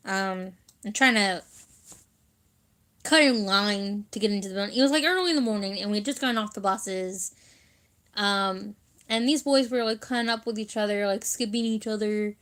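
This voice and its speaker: A woman's voice: medium pitch, moderate pace, fairly bright tone. A young woman chatting casually to her viewers, telling childhood stories with frequent giggles and filler words. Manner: giggly, laughs often while telling stories. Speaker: vlogger. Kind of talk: casual storytelling chat.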